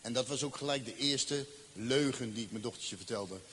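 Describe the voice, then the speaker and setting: A man telling a dramatic personal testimony, acting out the dialogue and slowing down for emphasis. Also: medium pitch, a bit bright, slight background noise. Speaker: speaker giving a personal testimony. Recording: faint ambience, long reverb.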